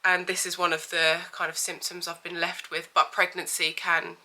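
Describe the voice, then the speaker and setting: A woman in her thirties with a cold and a blocked, sniffly nose chats candidly to camera as a vlogger, using lots of fillers. Her voice is fairly low and sharp, with little pitch movement and a moderate pace.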